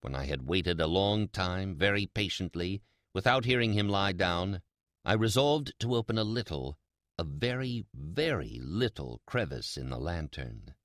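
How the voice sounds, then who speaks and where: Male actor as a gloating mad killer, theatrical Gothic horror reading, very animated intonation, drawn-out emphasis, close dry sound. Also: low voice, dry recording. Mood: sinister, hushed. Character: mad, gloating, sly male murderer confessing his crime.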